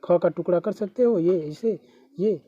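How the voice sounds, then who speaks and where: A man's voice: high voice, a little slow, husky, narrow, tinny audio. A man with a Bhojpuri accent teaching a class, who keeps asking questions back to his students. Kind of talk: classroom lesson.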